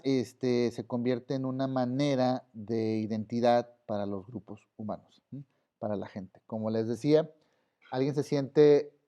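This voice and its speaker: A man's voice: medium pitch, warm tone. A man with a Mexican accent teaching an online class in a casual way, full of fillers. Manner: casual, many fillers like "este". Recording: slightly dull audio.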